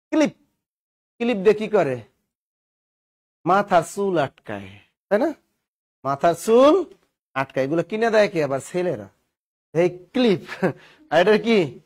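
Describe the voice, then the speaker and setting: A man teaching grammar in a classroom lesson, asking questions and answering them himself with playful examples. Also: high voice. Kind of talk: classroom lesson with call-and-response.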